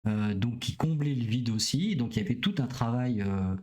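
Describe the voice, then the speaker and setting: A middle-aged man, a doctor, explaining things casually to a live audience, pausing often on filler sounds and checking in with his listeners. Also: medium pitch, animated, a little mellow. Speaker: doctor streaming to viewers.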